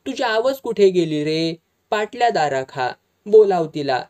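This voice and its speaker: A man's voice: high-pitched, lively intonation, unhurried, darkish tone. A reader voicing a stern grown son who gives orders to his family, with a touch of dialect in his speech. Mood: commanding. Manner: stern, commanding. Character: angry grown son, stern head of house.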